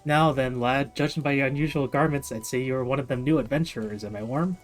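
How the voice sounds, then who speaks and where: A man voicing a gruff, nosy seafaring merchant in a folksy drawl while reading game dialogue aloud. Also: medium pitch, a little fast, soft background music, natural voice. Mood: jovial. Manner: folksy, drawling sailor talk.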